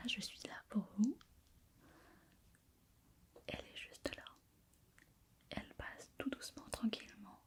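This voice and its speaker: Slow whispering woman, quiet night-time doctor role-play. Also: medium pitch. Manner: hushed, quiet night-time bedtime delivery; soothing, lulling, repeats words softly. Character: gentle female sleep-specialist doctor soothing a patient.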